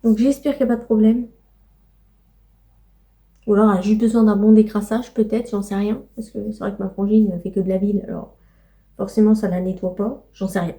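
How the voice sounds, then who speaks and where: A woman's voice: mid-range voice, flat delivery, brisk, pauses often, warm tone. A young woman chatting casually in a home vlog, rambling with many fillers and cooing to her pets. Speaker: vlogger.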